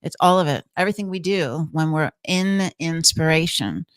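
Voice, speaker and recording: A woman's voice: deep voice, normal speed, clear, resonant tone, no room sound. A woman speaking as an interview guest, explaining things conversationally in earnest, emphatic short phrases. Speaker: guest, trance channeler.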